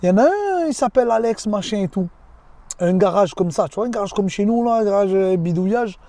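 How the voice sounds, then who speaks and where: Lively high-voiced man vlogging from his car. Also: fairly quick, no room sound. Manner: lively, slangy, talks straight to the viewer. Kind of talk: casual storytelling vlog. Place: inside a car.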